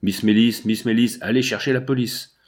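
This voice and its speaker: Dude reading aloud doing a scared young lady, begging and shrill, voice pushed up higher than his low one. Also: lively intonation, normal speed. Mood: pleading. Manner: shrill, pleading and agitated. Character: frightened young woman, pleading mistress. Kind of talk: audiobook reading.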